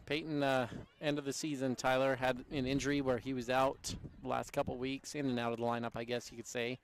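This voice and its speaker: A man's voice: mid-range voice, level tone, fairly quick, a little hiss or hum. Color guy on local radio baseball, chatty, teasing, talks swings, mid voice. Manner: chatty, teasing, breaks down hitting. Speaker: color commentator.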